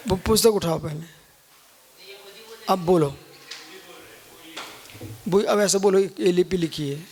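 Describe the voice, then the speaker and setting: A man's voice: high-pitched, takes it slowly, a little mellow. A man, a Jain monk, giving a live scripture lecture and keep prodding listeners with questions. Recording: long hall reverb.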